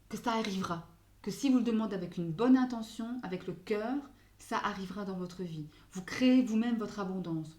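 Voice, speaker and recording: A woman's voice: medium pitch, dark tone. A woman giving a casual spoken card reading, hesitant and searching for words, often slipping in English phrases. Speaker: astrology card reader. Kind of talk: casual spoken tarot guidance. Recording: echoey room.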